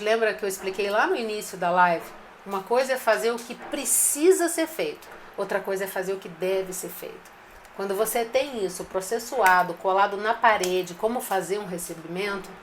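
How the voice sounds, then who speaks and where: A woman's voice: mid-range voice, normal speed, slight background noise. A woman giving a direct, coaching business talk to restaurant owners, speaking to them familiarly. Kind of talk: live-streamed business advice talk.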